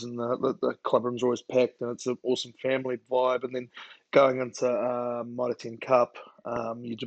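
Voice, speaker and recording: A man's voice: mid-range voice, darkish tone, dry recording, lo-fi sound. A young man with a broad New Zealand accent chatting casually as an interview guest, laid-back and slangy. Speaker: rugby player guest.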